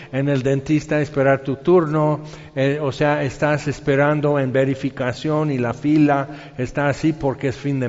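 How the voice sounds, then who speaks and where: Animated Mexican preacher in a hall. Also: male voice, a little high. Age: middle-aged. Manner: animated, colloquial storytelling with sound effects. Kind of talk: sermon. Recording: dull reverberant hall.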